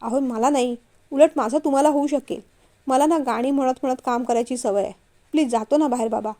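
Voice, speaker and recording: A childish young man from a storybook, sulky and pleading, forever begging to be let off, read by a woman. The voice is high and mellow. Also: fairly quick. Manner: pleading, whiny.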